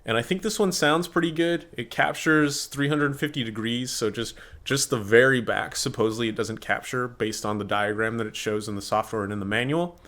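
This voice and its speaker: Male tech reviewer, casual and candid, mid-pitched, speaking into a desktop condenser mic. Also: brisk, few pauses, a bit bright. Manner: candid, chatty, blunt opinions. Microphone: desktop USB condenser microphone.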